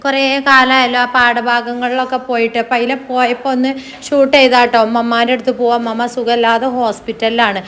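A woman's voice: flat delivery, fast. A middle-aged woman, chatting homely and talkatively in a casual family vlog. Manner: homely and talkative, drops into a soft low voice on sad family news. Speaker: family vlogger and mother.

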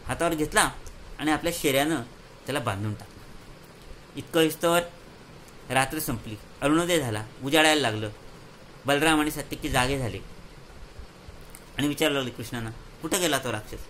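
A man telling a moral story to children, lively and explaining, often repeating words for effect. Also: mid-range voice, moderate pace, pauses often, slight background noise, poor audio.

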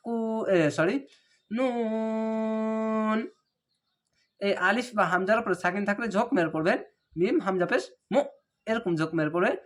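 A man's voice: high-pitched, a bit bright. Man chanting syllables in a recitation lesson. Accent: Bangladeshi Bengali. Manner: spells out syllables slowly, then chants the words. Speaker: Quran reading teacher.

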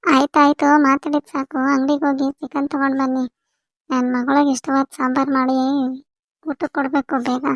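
Woman doing a fussy doting mom, high voice with a gravelly edge, kind of flat, dry close sound. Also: moderate pace, dry recording. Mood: fussing. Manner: fussy, insistent. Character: doting village mother fussing over her daughter. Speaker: mother in a family skit. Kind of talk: amateur village family skit.

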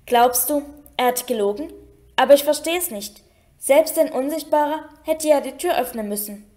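A woman's voice: high-pitched, moderate pace, warm tone, lightly acted. A woman voicing a grumbling, puzzled twelve-year-old schoolboy in a storybook reading. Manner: complaining, puzzled.

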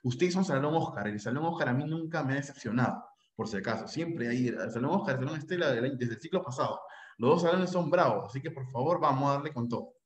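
Chatty Peruvian teacher in a roomy space. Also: male voice, medium pitch, lively intonation, fast talker. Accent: Peruvian Spanish. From Peru. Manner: chatty, checks in often with tag questions. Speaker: English teacher. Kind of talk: pre-university lecture.

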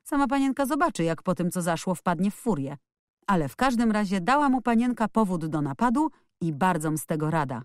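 A woman's voice: fairly low pitch, big pitch swings, brisk, no echo, studio quality. A woman voicing a strong young nurse who speaks in a mocking, indifferent way in a storybook reading. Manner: mocking, giggling tone.

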